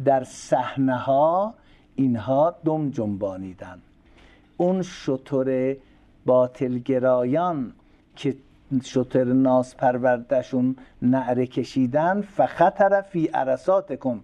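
A man giving a religious lecture. He recites Arabic phrases slowly, then explains them quickly and asks rhetorical questions. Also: mid-range voice, warm tone. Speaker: preacher explaining a classical sermon text.

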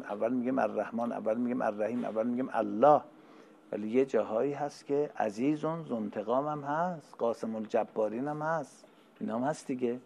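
Man preaching a sermon, gravelly voice, goes from quiet explaining to loud reciting, repeats phrases over and over. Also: a little hiss or hum. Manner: shifts from soft, low explanation to loud, emphatic recitation; repetitive, building lists of phrases. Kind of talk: religious sermon.

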